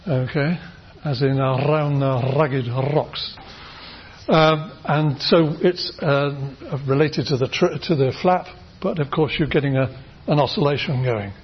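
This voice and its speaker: A man's voice: fairly high pitch, unhurried, a little hiss or hum. A British man giving a university phonetics lecture, explaining patiently with many fillers and restarts and demonstrating sounds aloud. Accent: British English. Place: lecture room. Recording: dull lo-fi lecture recording.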